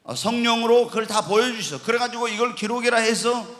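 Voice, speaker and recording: A man's voice: very high voice, brisk, fairly bright tone. A male pastor teaching the Bible in a sermon, asking the congregation questions and answering them himself. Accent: Korean. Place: church sanctuary. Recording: long hall reverb in church.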